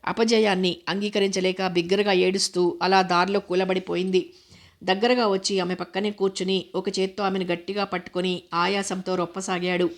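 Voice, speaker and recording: A woman narrating a novel as an audiobook reader, in a steady, even reading. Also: medium pitch.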